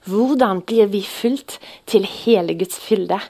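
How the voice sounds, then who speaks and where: Woman, sermon, earnest testimony, hesitant filler sounds, medium pitch. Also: warm tone. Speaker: preacher.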